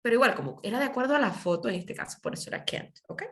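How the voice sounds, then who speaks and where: A woman's voice: fairly high pitch, animated, racing, fairly bright tone. A woman teaching an English class over a video call, who explains patiently with everyday examples and keeps checking in with her students. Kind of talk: online class, switching between English and Spanish. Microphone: computer mic on a video call.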